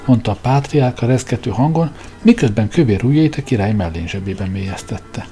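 A man narrating a humorous novel in a measured, expressive storytelling manner. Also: mid-range voice, soft background music. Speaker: audiobook narrator.

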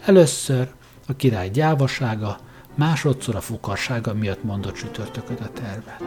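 A man reading a story aloud in a steady, even way as an audiobook narrator. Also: lowish voice, over music.

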